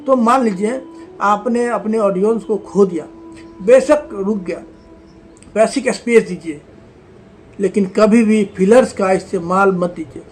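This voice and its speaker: A man giving a motivational lesson on communication, talking emphatically, repeating his points and calling his viewers friends. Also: high-pitched. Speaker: communication skills coach.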